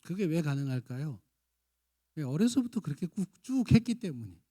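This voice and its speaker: Preaching a sermon in a church sanctuary, this man in his fifties has a slightly high, sing-song voice at a moderate pace. He voices parents and children alike, leaping from shouting to gentle coaxing.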